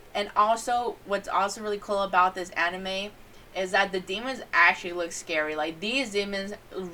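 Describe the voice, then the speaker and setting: Bright-voiced young woman rambling about anime. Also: medium pitch, far from the mic, slight background noise. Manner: rambling, animated, giggly storytelling. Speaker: anime reviewer. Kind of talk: casual vlog review.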